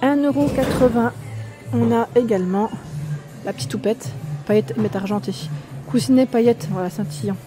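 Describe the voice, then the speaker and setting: Speaking at a moderate pace in a fairly high voice, a woman with a French accent gives a casual walkthrough of a store aisle for her shopping vlog. Background music accompanies her as she names labels and prices and quizzes viewers.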